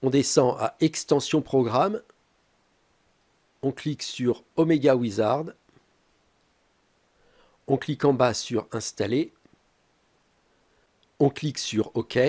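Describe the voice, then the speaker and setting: Mellow-voiced man with hesitant fillers. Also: medium pitch. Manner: calm, hesitant, frequent filler pauses. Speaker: tech tutorial presenter. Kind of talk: step-by-step tutorial narration.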